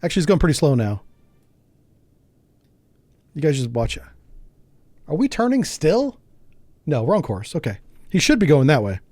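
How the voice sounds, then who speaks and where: Male streamer, chatty and quick to laugh, higher-pitched speaking voice. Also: very animated, darkish tone, dry recording. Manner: chatty, jokey, laughs often, thinks aloud. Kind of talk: casual live gameplay commentary.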